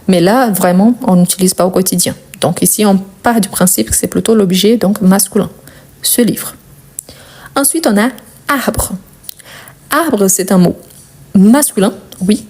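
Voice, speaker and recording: A woman teaching a French grammar lesson, speaking slowly and repeating each word carefully for learners. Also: on the low side, dark tone. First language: Portuguese. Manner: slow, deliberate, repeats words for learners.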